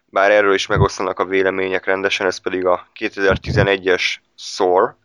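A man's voice: deep voice, completely flat delivery, a bit bright, smooth, dry recording. A man casually reviewing superhero films with a friend, talking in a hesitant way with many fillers and restarts. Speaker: film reviewer. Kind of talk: casual film review chat.

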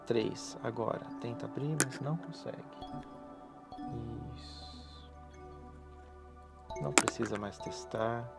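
A man speaks softly at a medium pitch, with noticeable fry in his voice. He guides a hypnotic relaxation in slow, repetitive, soothing phrases, leaving pauses between them. Music plays clearly behind him. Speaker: hypnotherapist guiding a relaxation session. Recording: voice over background music.

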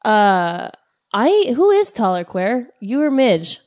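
A woman talks casually as a podcast regular. Her voice is mellow and a little high, and the sound is dry with no room. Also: very animated, slow, no echo. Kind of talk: casual chat.

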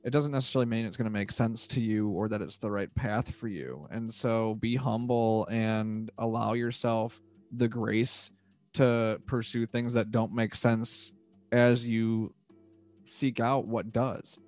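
A man speaking as a podcast guest, giving reflective advice in a measured, earnest, conversational way. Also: fairly low pitch, steady tone, a little mellow, faint music behind.

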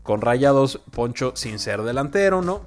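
Man, Mexican accent, football analyst, conversational, tags his points with quick questions. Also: mid-range voice, expressive, soft background music. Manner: conversational, frequent "¿no?" tags and "este" fillers.

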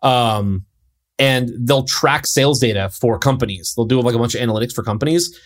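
A man's voice: medium pitch, fairly quick. A young man co-hosting a podcast, talking loosely with lots of fillers in casual chat. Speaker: podcast co-host.

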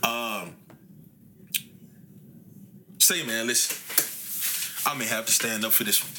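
A man in his late twenties hosting a casual sports podcast, animated and talkative, his voice jumping up when he gets excited. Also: mid-range voice, takes it slowly, background noise. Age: 20s. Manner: animated, rises to near shouting when excited. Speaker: podcast host.

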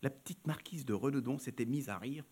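A man narrating a classic story in a measured, expressive reading. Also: mid-range voice, slightly rough.

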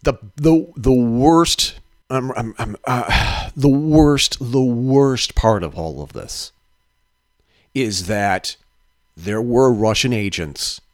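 A male podcast host giving casual news commentary in a profane, sarcastic rant. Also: mid-range voice.

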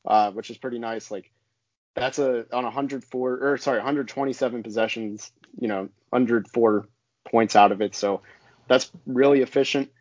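Here's another basketball podcast co-host, this one medium-pitched with a darkish tone, fairly even intonation and a moderate pace. He keeps the analysis loose and chatty, leaning on fillers like "like" and "I mean," in dry, slightly dull lo-fi audio with no room sound.

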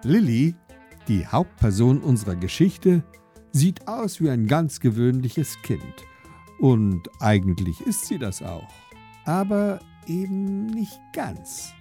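A man narrating a children's story in a playful, dramatic storytelling manner with sudden slowdowns. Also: mid-range voice, very animated, mellow, faint music behind. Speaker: audiobook narrator.

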